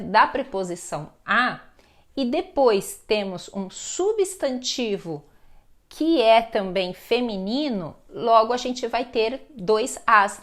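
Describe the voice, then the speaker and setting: A woman gives an online grammar lesson. Her voice sits a little high, and she explains patiently, pausing to check in with her viewers. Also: a bit bright. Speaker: Portuguese teacher.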